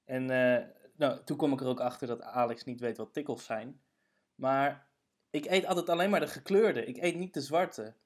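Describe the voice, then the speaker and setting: A man's voice: mid-range voice, normal speed. A young man co-hosting a podcast, teasing his friends in blunt casual chat. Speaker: podcast co-host.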